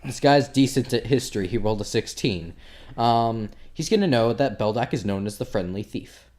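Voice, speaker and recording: A man's voice: mid-range voice, lively intonation, normal speed, darkish tone. A man narrating as game master of a tabletop game in a casual, rambling way, full of fillers.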